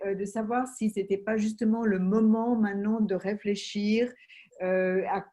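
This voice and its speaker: A woman, president of an association, asking a question in an online meeting with many pauses and restarts. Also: medium pitch, warm tone. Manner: hesitant, many fillers and restarts. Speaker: association president, event participant.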